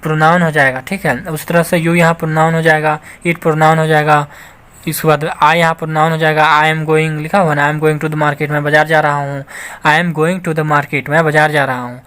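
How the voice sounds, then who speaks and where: A man's voice: on the high side, flat delivery, brisk, a bit bright, clean tone. A man teaching an English grammar lesson, explaining patiently and repeating each point with frequent checks that the listeners follow. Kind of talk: classroom-style grammar lesson.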